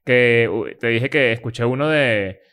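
A man of middle pitch chats casually as a podcast co-host. He rambles, restarts, and searches for the right word. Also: a little slow, a bit bright, smooth. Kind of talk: casual chat.

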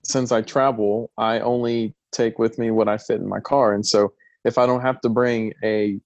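A man's voice: on the low side, steady tone, normal speed, no room sound, dull audio. A man hosting a podcast, bantering and joking in casual talk. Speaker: podcast host.

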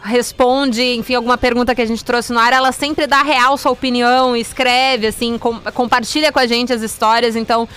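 A woman with a Rio Grande do Sul accent hosting a lively FM call-in show, chatty and affectionate with callers. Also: fairly high pitch, normal speed, hardly any pauses, smooth. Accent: Rio Grande do Sul Brazilian Portuguese. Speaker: radio host.

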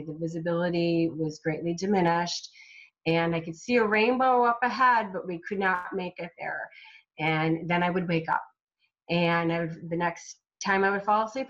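A woman with a lowish voice, recorded with the highs cut off, is a guest on an interview, sharing her personal testimony as a self-published author. Recovering from a brain injury, she speaks haltingly, with many restarts and fillers.

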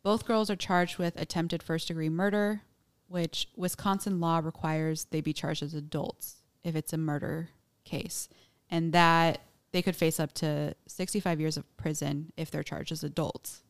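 A woman's voice: low-pitched, fairly even intonation, measured pace, clear, resonant tone. A woman hosting a podcast, chatting casually through a true crime story with lots of "like" and "um". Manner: chatty, many "like"s and "um"s, laughs easily. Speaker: podcast host. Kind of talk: casual chat, retelling a true crime case.

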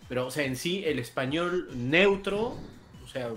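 A man's voice: fairly high pitch, lively intonation, measured pace, a bit bright, faint music behind. A man on a casual gaming podcast who explains things hesitantly, often repeating words.

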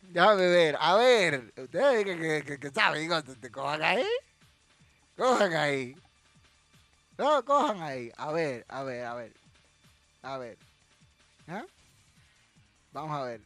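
A man's voice: a little high, animated, takes it slowly, pauses often, fairly bright tone, no echo, faint music behind. A man hosting a casual live trivia stream, teasing viewers and answering the chat directly. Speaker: livestream host running a wrestling trivia quiz.

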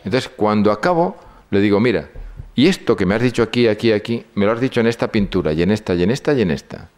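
An older man lectures in a very deep, low voice. He tells stories and acts out each person's lines as he goes. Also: lively intonation, fast, a little mellow. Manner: storytelling, acts out dialogue. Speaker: speaker on psychology and symbolism.

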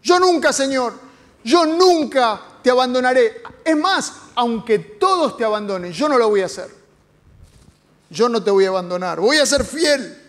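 A man's voice: high voice, big pitch swings, measured pace, pauses often, a bit bright, in a large hall, full character voice. A man with an Argentine accent voicing the impulsive apostle Peter, who protests vehemently and insistently. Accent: Argentine Spanish.

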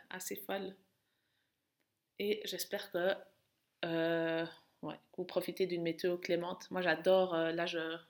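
Creaky-voiced woman coaching runners. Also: fairly low pitch. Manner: urging, encouraging coach calling countdowns and commands. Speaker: running coach and podcast host. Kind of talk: guided interval-training coaching. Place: at home, indoors.

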